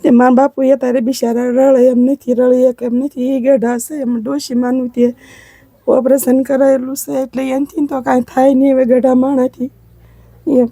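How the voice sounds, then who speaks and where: A woman, crying as she tells of her hardship in a halting, pleading way. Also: high voice, little pitch movement, warm tone, dry recording. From Gujarat. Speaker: interviewee, widowed mother. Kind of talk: emotional testimony.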